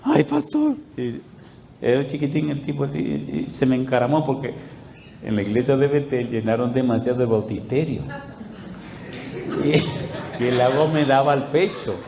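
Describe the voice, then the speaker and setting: A man's voice: medium pitch, normal speed, reverberant, a little hiss or hum. A middle-aged man preaching a sermon as a pastor, firing questions at the congregation and telling stories with animation. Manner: call-and-response questions to the congregation, animated storytelling.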